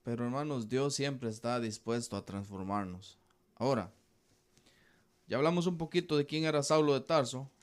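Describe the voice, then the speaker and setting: A man's voice: mid-range voice, lively intonation, normal speed. Radio Bible host, male, emphatic preaching delivery, repeats key phrases.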